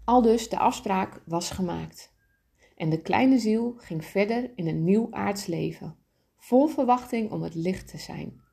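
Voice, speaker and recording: A woman narrating a children's story aloud in a calm way. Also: medium pitch, measured pace, gravelly.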